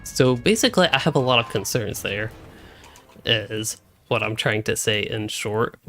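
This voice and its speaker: Guy streaming a game from his room, kinda gravelly voice, just rambling, faint music behind. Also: fairly low pitch, fairly bright tone. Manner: rambling, thinking aloud. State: hiccuping. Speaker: gaming streamer. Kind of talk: casual live-stream commentary while playing. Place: home room.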